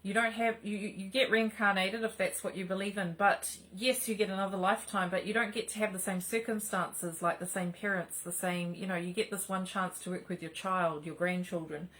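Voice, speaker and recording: A woman's voice: medium pitch, fairly even intonation, brisk, few pauses, fairly bright tone, poor audio. A middle-aged woman hosting a spiritual channel, talking casually and rambling with many fillers and restarts.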